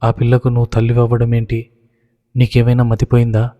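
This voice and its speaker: A man's voice: mid-range voice, monotone, a little fast, dark tone, in a large hall, lightly acted. A man voicing an anxious, distraught middle-aged mother firing worried questions.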